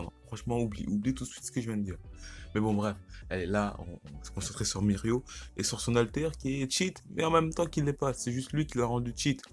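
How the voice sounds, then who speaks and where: A low-voiced teenage man rambles through a casual anime commentary vlog, getting excitable and slangy and restarting his sentences often. Faint music plays underneath the whole time. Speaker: YouTuber.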